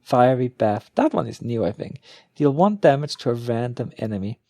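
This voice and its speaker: A man's voice: medium pitch, expressive, normal speed, warm tone, no echo. A man giving casual, off-the-cuff commentary as a gamer, thinking aloud and often trailing off. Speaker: gamer opening card packs.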